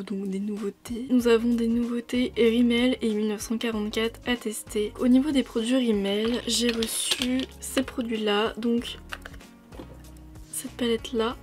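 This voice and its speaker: A woman's voice: a little high, a little mellow. A woman chatting casually to camera as a beauty vlogger, rambling with frequent fillers. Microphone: new proper microphone.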